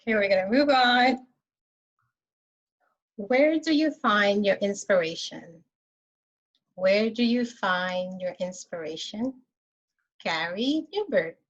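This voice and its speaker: A woman acting as topics master at a club meeting, upbeat and quick to laugh. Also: medium pitch, expressive, muffled recording. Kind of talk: meeting host.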